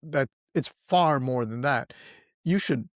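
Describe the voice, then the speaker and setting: A man co-hosting a history podcast in casual chat, measured and reflective. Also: medium pitch, dry recording, studio quality. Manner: reflective, measured, breaks into laughs. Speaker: podcast co-host.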